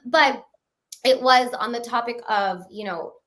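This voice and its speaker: A woman in her thirties, a guest in a casual interview, talking in a quick, animated way and often laughing. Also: on the high side. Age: 30s. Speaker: podcast guest.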